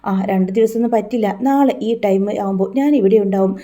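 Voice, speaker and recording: A woman's voice: medium pitch, quick pace, mellow, lightly acted. A woman voicing an impatient man who bluntly insists on his way. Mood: insistent. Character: impatient adult man, husband.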